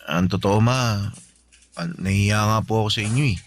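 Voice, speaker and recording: An actor in a radio drama plays a polite, slightly shy teenage son, just graduated from high school, who speaks respectfully to his mother. The man's voice is lowish, his pace moderate, and his earnest delivery only lightly acted.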